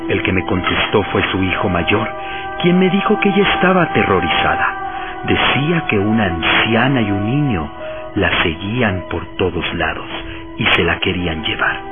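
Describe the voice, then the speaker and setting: An actor playing an earnest professor telling an eerie tale in a radio horror drama, deliberate and suspenseful. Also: male voice, sits low, animated. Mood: ominous. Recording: tinny narrowband radio drama under loud music.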